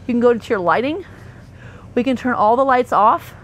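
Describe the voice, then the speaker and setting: With a faint air-conditioning hum behind her, an RV sales associate walks through a parked motorhome in detail, chatty, using fillers and correcting herself. Her fairly high voice is animated and moderately paced.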